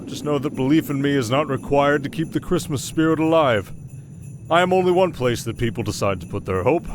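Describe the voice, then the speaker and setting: A man voicing a kindly old Santa in an audio roleplay, patient and fatherly, speaking in an avuncular, unhurried, gently preaching way. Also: mid-range voice, slight background noise, lightly acted. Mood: gentle, earnest.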